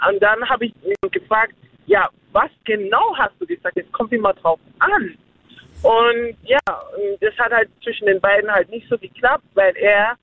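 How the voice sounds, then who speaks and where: A woman with a fairly high, expressive voice, speaking at a moderate pace, shares her views as a guest in a casual chat. She rambles, repeats herself, and giggles, and the dry, echo-free recording sounds tinny like a phone.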